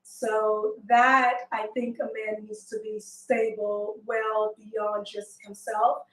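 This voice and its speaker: A woman in her twenties from Haiti, a guest on a call-in show, speaking softly and hesitantly with many fillers. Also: medium pitch, flat delivery, slow, reverberant, far from the mic, rough recording. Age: 20s. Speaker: show guest seeking a partner. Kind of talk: casual call-in chat.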